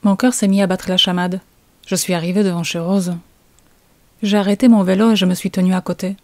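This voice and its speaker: A woman's voice: medium pitch, steady tone, brisk, no room sound. A woman, telling a suspenseful first-person story as a comic author. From Poland.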